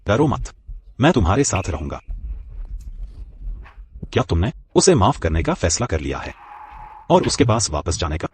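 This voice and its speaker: A man dubbing a calm, protective male friend in a drama, speaking reassuringly. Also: lowish voice, moderate pace, long pauses, slightly rough, full character voice. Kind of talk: dubbed drama acting.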